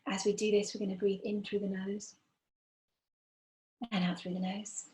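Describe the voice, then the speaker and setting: A woman with a mid-pitched voice leads a meditation in a gentle, soothing spiritual-guide manner. Her delivery is unhurried and stays very level in pitch. The recording is roomy, with clear echo around the voice. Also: flat delivery. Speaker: meditation teacher. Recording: roomy, echoing sound.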